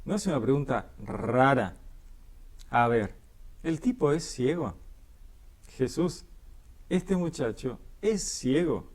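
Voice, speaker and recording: Male Bible teacher, Rioplatense Spanish, medium pitch with lively inflection, conversational explainer. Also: takes it slowly, long pauses. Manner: conversational, often adds questioning tags. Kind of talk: reading and explaining scripture.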